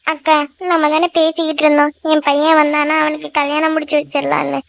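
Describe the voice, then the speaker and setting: A woman's voice: high-pitched, monotone, fairly quick, vocal fry, highs cut off. A woman voicing a weary, grieving village mother who pours out her troubles in a cartoon. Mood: lamenting. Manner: tearful, lamenting.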